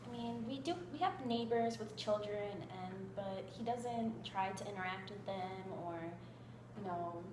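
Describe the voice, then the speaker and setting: Clear background noise and room echo surround a woman acting as a worried mother. She talks in a conversational, medium-pitched voice about home life, as part of an amateur therapy role-play. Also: unhurried, close to an everyday voice. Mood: concerned. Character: worried mother of a troubled son.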